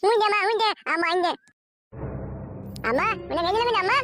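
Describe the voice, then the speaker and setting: A woman voicing a rude, defiant young boy in a cartoon who shouts back at the grown-ups. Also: very high-pitched, lively intonation, normal speed, faint music behind.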